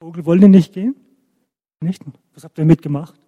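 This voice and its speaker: A man telling a story to children in church, animated and often checking in with them. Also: fairly high pitch, moderate pace, slightly rough, in a large hall, narrow, tinny audio.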